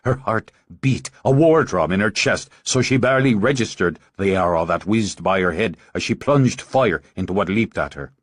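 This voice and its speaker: A male audiobook narrator with a low voice and very lively, dramatic delivery. The recording is close and dry. He reads battle scenes with expressive swings. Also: normal speed, few pauses, dry recording.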